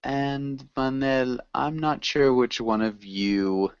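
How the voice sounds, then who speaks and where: A man's voice: mid-range voice, slow, clean tone, dry recording. A man teaching an online English class, patient and encouraging. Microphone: video call. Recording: dull video call audio.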